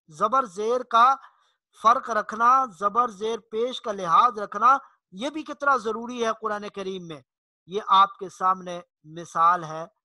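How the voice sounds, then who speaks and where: A man gives a religious pronunciation lesson at a deliberately slow pace, his voice sharp and bright. He patiently repeats each word and draws out the recited Arabic examples. The sound is dry and close, with no room around it. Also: very high-pitched, no echo. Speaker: Quran recitation teacher.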